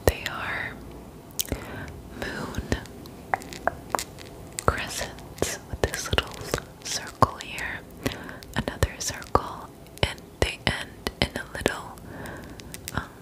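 A young woman hosts ASMR in a breathy, unvoiced whisper. She takes her time, letting phrases fall slowly and sometimes repeating a word, right up close to the microphone. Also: poor audio. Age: 20s. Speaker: ASMR host. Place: small dim room indoors. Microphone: close mic, near the mouth.

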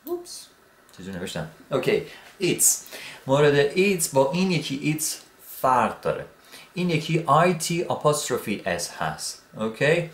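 A man teaching English grammar in a relaxed, repetitive way, saying okay often while writing on a board. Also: fairly high pitch, echoey room. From Iran. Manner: relaxed, repeats words, says "okay" often. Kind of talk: explaining grammar at a whiteboard.

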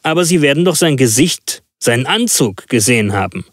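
A man voicing an impatient, eccentric male detective with quick, commanding speech. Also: mid-range voice, expressive, dry recording, clean studio sound, voice pushed up, lightly acted.

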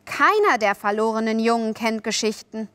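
A woman's voice: fairly high pitch, lively intonation, normal speed, fairly bright tone, clear, resonant tone, dry recording. A woman doing Peter Pan, a cocky sly boy. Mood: coaxing. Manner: boastful, coaxing, offhand. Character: cocky, sly boy who never grows up.

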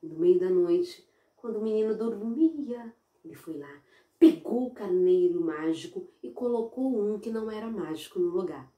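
A woman narrating a children's story in an animated, sing-song, playful way. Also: medium pitch, moderate pace, dull audio. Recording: roomy echo.

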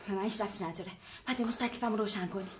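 A woman's voice: mid-range voice, background noise, lightly acted. Actress as a teasing, demanding young woman. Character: sharp-tongued young woman pressing her boyfriend. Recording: TV series audio with music score.

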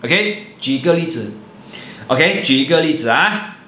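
A man, teaching a playful video lesson in an animated, jokey way and mixing in English and Malay words. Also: fairly high pitch, measured pace, a little hiss or hum. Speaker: language teacher. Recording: roomy echo.

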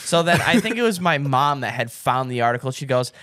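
Animated young man telling a story. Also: medium pitch, a little fast, no echo, clean studio sound. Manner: animated storyteller, acts out quotes, laughs often. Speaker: podcast guest, musician. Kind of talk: casual storytelling chat.

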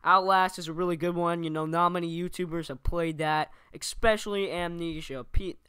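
A man's voice: fairly high pitch, fairly even intonation, moderate pace, bright, forceful tone, clean tone, no echo, studio quality. A man hosting a sarcastic mock tutorial, talking casually with some profanity. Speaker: video host.

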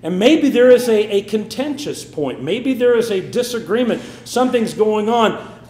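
A man's voice: high voice, sing-song, moderate pace, darkish tone, roomy sound. A man preaching a sermon with emphatic, swinging delivery. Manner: emphatic, rising and falling delivery.

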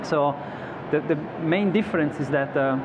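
A man's voice: a little high, moderate pace. A man in his thirties, an executive guest interviewed at a trade show studio set, speaking thoughtfully with frequent restarts and fillers. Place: broadcast studio set on a convention floor. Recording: slightly dull audio with clear background noise.

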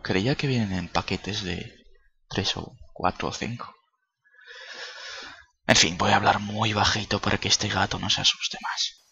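A man's voice: fairly low pitch, steady tone, a little slow, vocal fry, long pauses, pushed and bright, slightly rough, lo-fi sound. A young man giving playful, swearing gameplay commentary, often dropping to a coaxing near-whisper. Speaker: gaming YouTuber.

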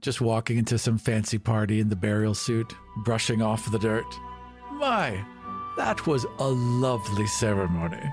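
Speaking at a normal speed with a lowish, animated voice, this male podcast co-host delivers short, emphatic remarks. The casual conversation centers on fantasy game monsters, and soft music plays in the background.

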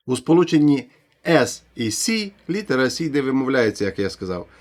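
A man's voice: medium pitch, very animated, moderate pace. Man, pronunciation teacher, patient step-by-step explaining, sounds out example words. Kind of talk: video lesson.

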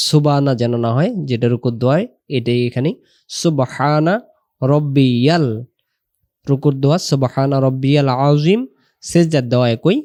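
Man teaching slow, careful pronunciation. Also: medium pitch, warm tone, dry recording. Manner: slow, drawn-out demonstration of each sound. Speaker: religious teacher. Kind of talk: pronunciation lesson.

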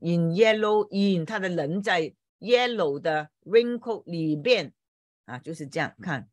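A woman's voice: fairly low pitch, lively intonation, a little slow, no echo. Patient woman teaching English online. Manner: explains patiently, repeats and spells out words. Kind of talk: online English lesson explained in Chinese. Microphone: computer mic on a video call.

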